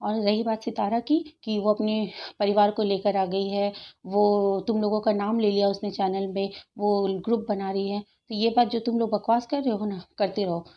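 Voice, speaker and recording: A woman's voice: medium pitch, steady tone, moderate pace, muffled recording. A woman YouTuber in her thirties, scolding and sarcastic in a heated reaction video, repeating her points for emphasis.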